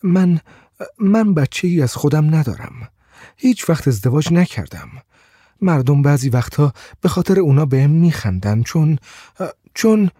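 A man voicing a gentle, shy blind woman who speaks softly and hesitantly, stammering at times. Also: a little high, sing-song, husky, dry recording, clean studio sound. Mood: wistful. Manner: soft, hesitant, stammers when upset.

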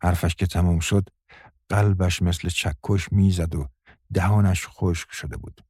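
A man reading a story aloud in a measured, calm narration. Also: low-pitched, husky, no room sound, studio quality. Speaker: audiobook narrator. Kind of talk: scripted narration.

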